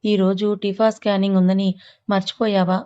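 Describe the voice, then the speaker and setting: A woman's voice: mid-range voice, level tone, normal speed, warm tone, clear, resonant tone, dull audio, close to an everyday voice. A woman voicing a moody, easily hurt pregnant young wife who talks reproachfully to her husband in a story reading. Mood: pleading. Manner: reproachful, clingy.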